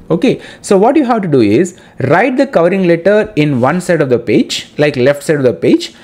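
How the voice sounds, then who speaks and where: A man walks students through an exam-prep lesson, explaining each step and repeating the key points. His pitch sits a little high and swings widely as he stresses words. He speaks directly to his listeners while moving through slides. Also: darkish tone. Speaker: English teacher.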